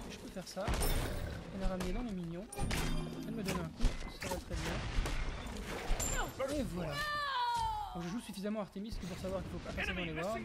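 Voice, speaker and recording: A commentator walks through a match in casual, explanatory commentary and keeps correcting himself mid-phrase. The pitch sits at a middling level. A steady hiss runs under the whole recording. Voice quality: explanatory, stop-and-start with many fillers and self-corrections. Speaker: gaming commentator.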